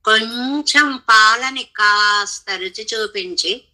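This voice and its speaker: A woman's voice: fairly high pitch, slow, pushed and bright, rough recording. A middle-aged woman giving a devotional scripture discourse, explaining the text and chanting Sanskrit verses. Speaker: religious teacher.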